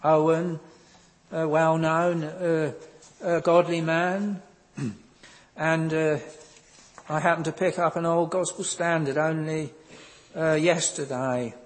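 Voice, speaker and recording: A man preaching a sermon in a slow, earnest manner, pausing often and filling the gaps with ums. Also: a little high, fairly even intonation, long reverb tail.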